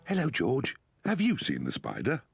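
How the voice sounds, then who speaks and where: Jolly cartoon dad pig. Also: male voice, mid-range voice, wildly swooping pitch, normal speed, vocal fry. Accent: British English. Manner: cheerful, chuckling. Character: jolly father pig, cheerful and kindly. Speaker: cartoon father. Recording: cartoon soundtrack with music.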